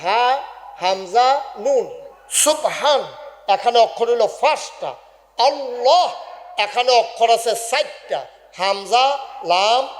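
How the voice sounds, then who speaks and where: A man gives a humorous sermon, quizzing and teasing the crowd in call-and-response, shouting some words and singing others. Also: very high voice, big-room sound, a little hiss or hum. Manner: shouts key words, sings some phrases. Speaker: Islamic preacher. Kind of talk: humorous sermon at a religious gathering. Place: large religious gathering over loudspeakers.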